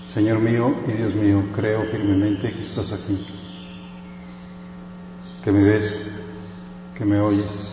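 Reflective priest in an echoing hall. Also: male voice, on the low side, little pitch movement, slow pace, long pauses. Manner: reflective, frequent "pues" fillers. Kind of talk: prayer and spoken meditation. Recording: dull echoey hall with faint hiss.

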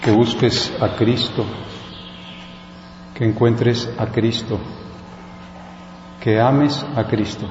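A man leading prayer and a spoken meditation in a reflective way, often pausing on filler words. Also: mid-range voice, steady tone. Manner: reflective, frequent "pues" fillers. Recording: dull echoey hall with faint hiss.

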